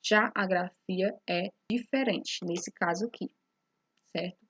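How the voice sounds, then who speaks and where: A woman's voice: on the low side, slow pace, a bit bright, husky, dull audio. A woman teacher explaining a lesson step by step, often checking in with her students. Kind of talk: recorded classroom lesson.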